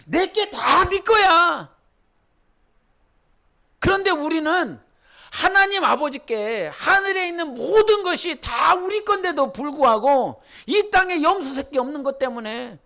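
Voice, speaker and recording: A pastor delivers a sermon in a very high-pitched male voice. He walks his congregation through scripture, reading it aloud with them. Then he builds to fervent, rousing exhortation. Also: pushed and bright. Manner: leads congregation in Bible reading.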